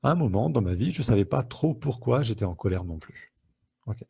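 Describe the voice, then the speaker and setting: A man's voice: medium pitch, animated, fairly quick, vocal fry, dark tone, husky. A French man, a therapist, hosting a live online talk to viewers, conversational and full of questions and fillers, on a headset mic.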